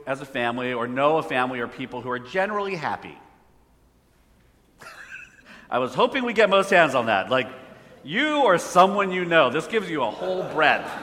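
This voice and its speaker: A man with a mid-range, pushed, bright voice preaches a conversational sermon, putting questions to the audience. A phone hotspot is used for slides, and the hall adds echoey reverb.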